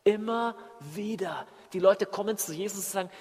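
A man preaching a sermon, shifting between loud emphatic lines and quiet, slowed asides. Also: high-pitched. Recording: long hall reverb.

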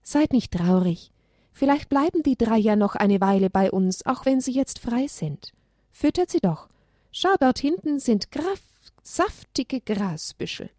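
A caring storybook mother as a woman narrator reads her, calm and soothing. Her voice is slightly raised above the narration, and the recording is dry and close. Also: on the high side, measured pace, dry recording, voice pushed up. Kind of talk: storybook reading.

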